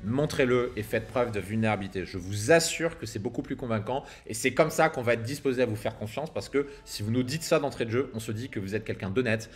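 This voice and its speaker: A man's voice: mid-range voice, a little fast, hardly any pauses, faint music behind. A man coaching copywriters in a casual monologue to camera, filmed outdoors at sunset. He speaks in a punchy, emphatic way, with slang and the odd swear word. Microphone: camera filming himself.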